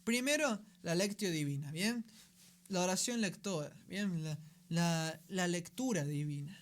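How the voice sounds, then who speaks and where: A man's voice: high voice, unhurried. Emphatic Rioplatense man teaching on air. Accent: Rioplatense Spanish. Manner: keeps checking in with the listener, conversational and emphatic. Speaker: radio program host. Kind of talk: catechetical teaching talk.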